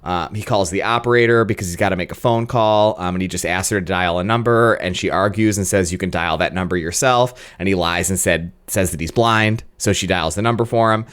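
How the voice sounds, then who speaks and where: Low, smooth-voiced man recapping a film. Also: a little fast, hardly any pauses, fairly bright tone. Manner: recaps scenes with dry exasperation. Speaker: podcast co-host. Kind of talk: casual film discussion.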